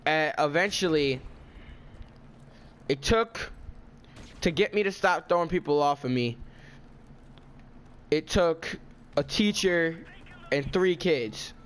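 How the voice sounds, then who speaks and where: A man's voice: fairly high pitch, expressive, slow pace, pauses often, a bit bright, clear, resonant tone. A teenage boy telling a storytime vlog in a casual, indignant, ranting way. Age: teens. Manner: indignant, ranting, self-justifying.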